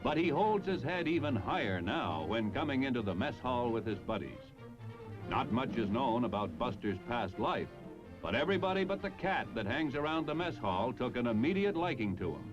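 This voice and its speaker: An American man narrates a 1950s-60s military newsreel from a script, his jaunty, polished announcer's voice riding over music on an old film soundtrack. His pitch is medium and sing-song, the pace moderate, and the sound lo-fi.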